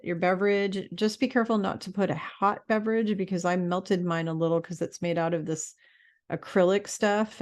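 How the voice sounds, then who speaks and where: A woman's voice: fairly low pitch, darkish tone. A woman talking casually to camera in a rambling, chatty way, with fillers and restarts. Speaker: spiritual vlogger.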